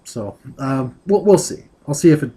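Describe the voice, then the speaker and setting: A man with a slightly higher-than-average voice who reads a book aloud. He keeps stopping to pick apart the prose in a dry, digressive, nitpicking way. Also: expressive, normal speed, dark tone. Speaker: book critic reading aloud. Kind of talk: reading with critical commentary.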